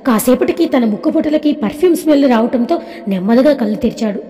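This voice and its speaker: A woman reading a family drama story aloud as a steady storybook narrator. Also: high voice, fast. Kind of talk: scripted narration. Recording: long reverb.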